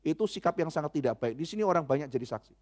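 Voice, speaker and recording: A middle-aged man, a pastor, preaching a sermon and telling a story with lively acted-out quotes. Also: on the high side, rapid-fire.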